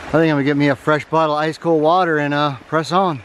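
Out on a wooded mountain trail, a tired thru-hiker narrates his vlog casually into a handheld camera held at arm's length. He has a slightly high, steady voice and talks quickly in a relaxed, folksy manner, with slight background noise.

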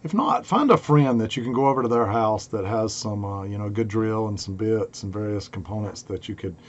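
A middle-aged man, hoarse and raspy with a cold, giving a casual, folksy instructional talk to camera from a home basement workshop. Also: on the low side, lively intonation, a little fast, muffled recording. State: congested and hoarse from a two-week cold and sore throat. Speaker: host of an electronics build tutorial. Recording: clearly noisy home workshop recording.

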